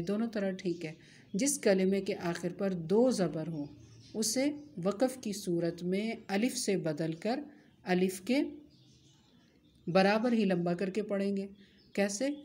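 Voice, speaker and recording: A woman with an Urdu-speaking accent teaches a religious lesson in a mellow, warm voice. She explains each rule patiently, poses rhetorical questions and answers them. Her pitch sits in a middle range. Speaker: Quran recitation teacher. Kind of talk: explanatory lesson with recited Arabic.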